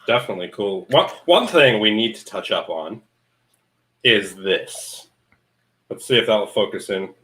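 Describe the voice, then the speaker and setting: A man's voice: on the low side, animated, a little slow, sharp tone. A man from the Boston area co-hosting a casual live-stream chat, playful and joking. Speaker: co-host.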